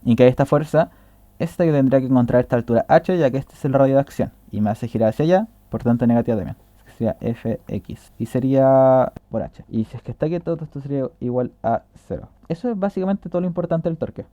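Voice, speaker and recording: A man's voice: mid-range voice, quick pace, dark tone, dry recording. A man explaining a tutorial in a casual way, walking through a drawing step by step and correcting himself as he goes.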